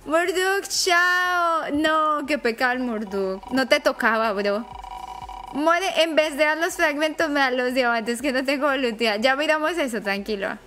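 A woman streaming live to her chat, commentary full of excitable, nervous exclamations. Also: high-pitched, unhurried.

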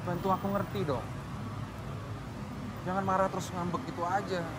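A man's voice: high-pitched, fairly even intonation, moderate pace, very noisy, natural voice. A young man in a film drama, defensive and pleading with his fiancée. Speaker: groom-to-be.

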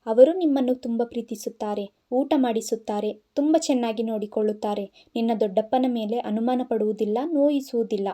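A woman's voice: fairly high pitch, fairly quick, dark tone, lightly acted. A woman voicing a bitter young husband who speaks in cold, cutting lines in an audio story.

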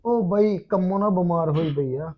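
An actor with a Malwa Punjabi accent playing a newly married young husband who is suspicious and pleading. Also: male voice, high-pitched, moderate pace, muffled recording. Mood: casual. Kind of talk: village short-film acting.

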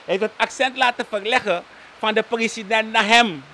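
A man with a Surinamese Dutch accent, holding forth as a guest on a live talk show. His voice sits high and sounds bright and forward, and he keeps asking "toch?" as he talks. A faint hiss runs under him. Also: normal speed. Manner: tags nearly every sentence with "toch?", slips into Sranan phrases. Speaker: political commentator guest.

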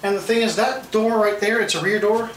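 A man's voice: sits high, fairly even intonation, brisk. A man filming and explaining an elevator ride in an eager, pointing-things-out way, speaking into a handheld camera inside a small cab. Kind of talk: casual guided walkthrough. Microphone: handheld camera mic. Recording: roomy, distant, loud background noise.

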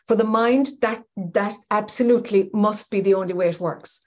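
A woman's voice: mid-range voice, moderate pace. A woman in her fifties, a spiritual teacher, speaking thoughtfully from a home room over a video call and searching for her words. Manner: thoughtful, searching for words, animated hand gestures. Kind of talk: reflective spoken teaching. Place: home room with bookshelves, indoors. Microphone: webcam on video call.

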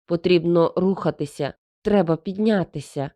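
A woman's voice: lowish voice, moderate pace, warm tone, dry recording, clean studio sound, natural voice. A woman playing a timid young princess. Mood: fearful.

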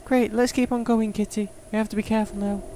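A man puts on a worried little girl from a spooky video game, high and earnest, asking questions with a wary edge. The voice sits well above his own, pushed up into a thin girlish register. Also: little pitch movement, fast talker, mellow, a little hiss or hum. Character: young girl, anxious but determined.

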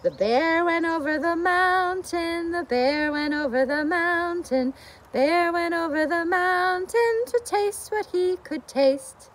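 A middle-aged woman with a very high voice takes it slowly while reading and singing a picture book in a leafy garden. Her simple, singsong storytelling for young children is full of easy questions to the viewers, captured by a camera or phone a short distance away.

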